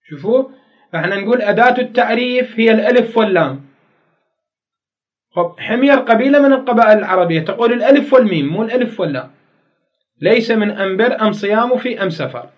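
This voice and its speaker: A male teacher with an Iraqi Arabic accent lectures a class on grammar in a high-pitched voice. His delivery rises and falls widely, full of animation. He drives each point home by saying it twice and asking the students questions. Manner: explains by repeating key phrases, asks students questions.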